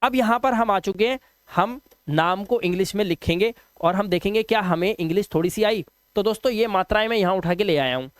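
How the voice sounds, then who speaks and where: Speaking in a high, brisk, smooth voice with no echo, this English teacher runs a classroom-style video lesson. He repeats things patiently and frequently asks viewers questions.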